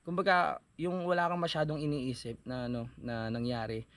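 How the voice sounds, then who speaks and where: A man's voice: fairly high pitch, level tone, normal speed, fairly bright tone, no echo. A young adult man tells a casual vlog story and slips into a mock-preachy tone, speaking to viewers as if to a congregation. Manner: mock-preachy, addresses viewers as "mga kapanalig". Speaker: vlogger.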